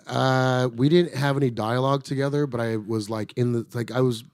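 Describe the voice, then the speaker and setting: A middle-aged man, an actor, casually telling a show-business story, animated and swearing freely. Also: medium pitch, a little fast, no echo, clean studio sound. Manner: animated, acts out quoted voices, swears freely.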